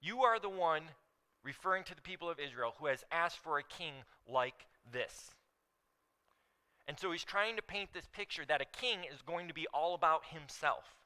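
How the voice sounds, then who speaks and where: Bright, clear-voiced man preaching a sermon. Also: fairly high pitch, animated, normal speed, poor audio. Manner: emphatic, stresses key words while teaching. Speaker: pastor. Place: church sanctuary.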